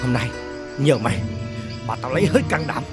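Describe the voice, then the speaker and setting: A man's voice: mid-range voice, animated, moderate pace, close to an everyday voice. A man playing a lovesick young servant. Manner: earnest, pleading declarations. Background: music.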